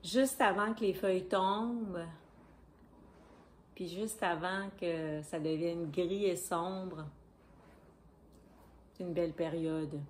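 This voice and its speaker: Hosting a knitting video podcast at home, a woman with a Québécois French accent talks casually to a camera on a stand, rambling, chatting, correcting herself and glancing at her notes. Her voice is lowish and fairly even, her pace slow with frequent pauses, and there is slight background noise.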